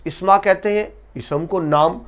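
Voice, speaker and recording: A man teaching an Urdu grammar lesson to students, speaking slowly and emphatically, stretching key words and repeating terms so they stick. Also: high-pitched. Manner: addresses students directly, repeats terms for drilling. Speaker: Urdu lecturer. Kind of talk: classroom grammar lecture.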